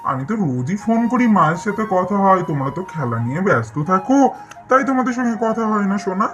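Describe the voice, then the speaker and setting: A performer voicing a gentle father who soothes his little daughter over the phone in a cartoon. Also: mid-range voice, very animated, quick pace. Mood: soothing. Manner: soothing, coaxing.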